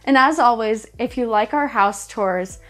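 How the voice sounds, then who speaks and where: Guiding viewers through an empty furnished show home, a woman describes each room as she walks, in a friendly, upbeat real estate presentation. Her voice is a little high and a bit bright, and she speaks unhurriedly. Soft music runs faintly under her.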